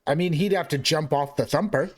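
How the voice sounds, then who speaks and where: A man's voice: a little high, fairly quick. A man talking in a casual, playful way while running a tabletop role-playing game. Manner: animated, playful.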